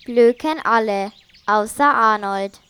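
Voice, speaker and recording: A woman narrating a children's story in a gentle, even way. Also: fairly high pitch, slow pace, clean tone.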